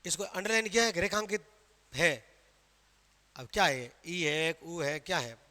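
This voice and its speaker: A man's voice: on the high side, expressive, a little slow, pushed and bright. A man with a Rajasthani Hindi accent teaching a grammar class, quizzing students with questions he answers himself. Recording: long reverb of a hall.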